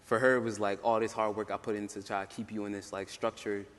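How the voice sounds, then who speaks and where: A man's voice: on the low side, little pitch movement, quick pace, a little hiss or hum. Young man telling his story on a panel. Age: young adult. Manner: casual, many "like" fillers, laughs often. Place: conference hall. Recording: roomy hall, faint ambience.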